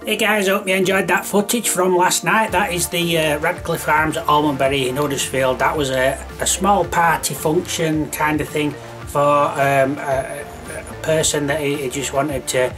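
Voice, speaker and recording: A man's voice: a little high, fairly even intonation, normal speed, music in the background. A man, a mobile DJ vlogging casually to camera from home, rambling with many ums and restarts. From England. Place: small room at home. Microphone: camera close to the face.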